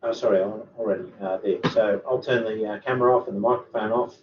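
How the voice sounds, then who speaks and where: A man's voice: on the low side, steady tone. A man, a university lecturer answering student questions in an online workshop, full of ums and uhs. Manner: halting, many ums and uhs. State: hiccups. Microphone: computer microphone on a video call. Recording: roomy, distant, dull, faint hiss.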